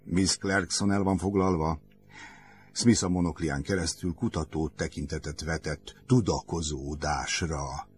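A man with a very deep voice narrating an audiobook. His reading is measured and gently ironic. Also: fairly even intonation.

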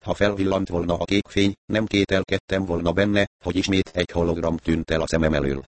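A man's voice: low-pitched, fairly even intonation, no echo. A man narrating a humorous first-person story in a wry, dry manner. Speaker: audiobook narrator.

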